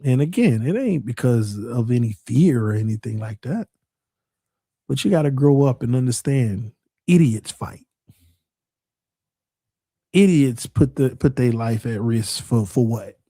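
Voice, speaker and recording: A man's voice: medium pitch, expressive, unhurried, pauses often, dark tone, slightly rough, dry recording, studio quality. Earnest forty-year-old man preaching at the mic. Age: 40s. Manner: earnest, repetitive, builds to emphatic preaching. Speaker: sports podcast host. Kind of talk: casual preachy monologue.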